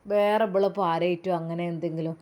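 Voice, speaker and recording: A woman with a Malappuram Malayalam accent voicing a nosy, judgmental older neighbour woman in a low, heavy voice. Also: steady tone, fast talker, a little mellow, natural voice. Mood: prying. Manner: nosy, moralizing, spreading rumours.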